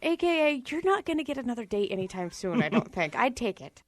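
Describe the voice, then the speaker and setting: A woman's voice: a little high, big pitch swings, quick pace, dry recording. A female radio co-host on a studio microphone, making blunt, sarcastic remarks. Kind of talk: morning radio show banter.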